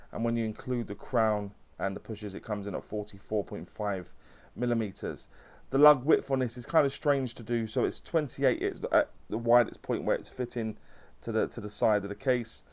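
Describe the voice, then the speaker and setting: A man's voice: fairly low pitch, darkish tone. A man hosting a casual watch unboxing review, chatty and loose, with fillers and restarts.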